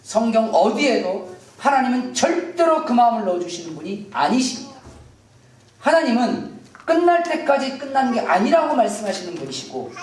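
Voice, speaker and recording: A woman's voice: on the high side, sing-song, moderate pace, a little mellow, slight background noise. A woman pastor preaching an impassioned sermon in a church, acting out scripture dialogue. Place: church sanctuary. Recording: echoey church, from a distance.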